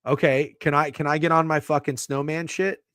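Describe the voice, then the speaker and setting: A man co-hosting a sports betting podcast in casual chat, excitable, swearing freely and tripping over his words. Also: on the high side, normal speed, smooth, no room sound, studio quality.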